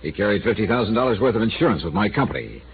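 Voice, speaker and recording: The same hissy, tinny old radio broadcast features an actor racing through his lines in a fairly low, husky, sing-song voice, heavily acted. He narrates and stars as a dry, skeptical middle-aged insurance investigator who keeps probing with questions.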